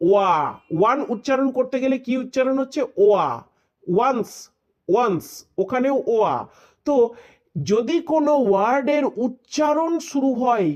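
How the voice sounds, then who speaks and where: A man's voice: sits high, darkish tone, highs cut off. A man explains an English grammar lesson. He drills each pronunciation over and over and keeps checking in with questions as he teaches. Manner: reads English rules out slowly and deliberately.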